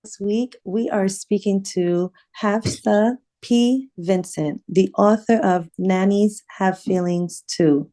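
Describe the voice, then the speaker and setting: A woman's voice: fairly low pitch, warm tone. A woman hosting a radio interview show, speaking in a formal, welcoming announcer manner in a radio studio.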